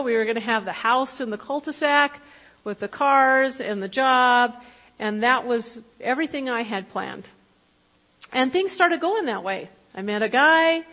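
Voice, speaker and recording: A woman of fifty giving a candid, conversational sermon about her own life, with fillers and quick self-corrections. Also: on the high side. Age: 50s. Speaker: preacher. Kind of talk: personal testimony sermon. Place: church hall. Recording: dull lo-fi recording with long hall reverb.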